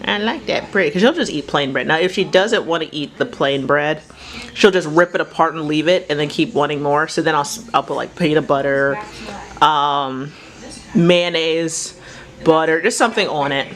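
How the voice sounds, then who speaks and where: Young woman, lowish voice, rambling casual vlog chat from the kitchen. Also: normal speed. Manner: chatty, rambling, bursts into excited cheers. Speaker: home cook and mother.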